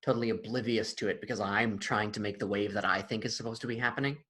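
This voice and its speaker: A man with a fairly low voice speaks in an easy, conversational way, musing about his craft. He pokes fun at himself and often restarts his sentences. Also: steady tone, quick pace, a bit bright, rough recording. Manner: thoughtful, self-mocking, trails off and restarts. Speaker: actor and improviser, guest. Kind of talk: casual conversation.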